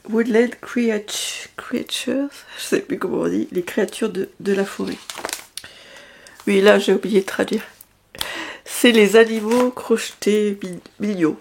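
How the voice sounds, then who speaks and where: A woman talks to her viewers in a loose, rambling vlog chat, laughing often and restarting her sentences. Her voice sits in a middle range with a noticeable gravelly fry. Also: mid-range voice, darkish tone. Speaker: vlogger. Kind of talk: casual chat.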